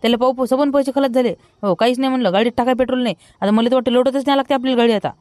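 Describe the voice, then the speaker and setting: A man's voice: very high-pitched, dry recording, clean studio sound. A man with a Vidarbha Marathi accent playing a broke village man who scolds everyone in a rustic comedy sketch. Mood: scolding. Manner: scolding, rapid and loud.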